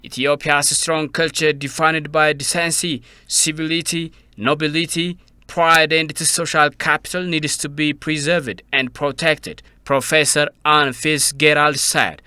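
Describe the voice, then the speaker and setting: A man reporter with a crisp, bright, fairly high voice reads a news voice-over. The booth sound is dry and close, and he speaks in a steady, formal way. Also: unhurried, few pauses, dry recording.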